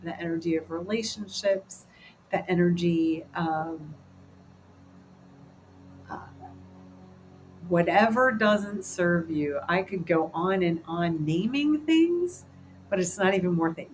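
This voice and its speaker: Music plays clearly under this woman's slow, fairly low voice as she leads a group meditation that feels improvised, relaxed, and encouraging. There's slight background noise and the audio quality is poor.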